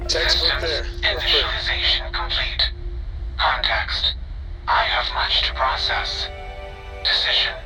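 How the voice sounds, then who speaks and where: A flat emotionless robot. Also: male voice, a little high, takes it slowly, long pauses, over music, poor audio. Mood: monotone. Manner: flat, emotionless, clipped one-word status tags. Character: flat emotionless male robot, logical and curious. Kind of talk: video game character dialogue.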